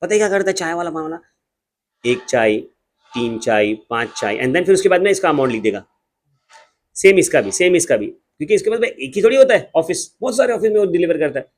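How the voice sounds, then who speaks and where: A man with an Indian accent teaching an accountancy class in a joking, lively way, slowing down to dictate definitions. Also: on the high side. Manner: lively, joking, switches between Hindi and English, slows down to dictate definitions. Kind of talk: classroom lecture.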